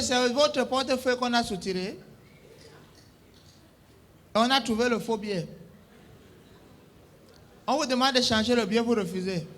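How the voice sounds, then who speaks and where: A young man with a strikingly high voice performs a comic sketch as a bossy phone operator. He scolds and soothes imaginary callers by turns, in a mock-official tone. His tone is bright and cutting. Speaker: comedian. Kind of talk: comic one-sided phone-call sketch.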